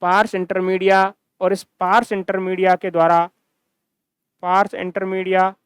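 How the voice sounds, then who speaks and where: High-voiced male science teacher, crisp and dry. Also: little pitch movement, normal speed, no room sound. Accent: Hindi-speaking Rajasthan region. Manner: repeats key terms, asks and answers own questions. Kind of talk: recorded classroom-style lecture.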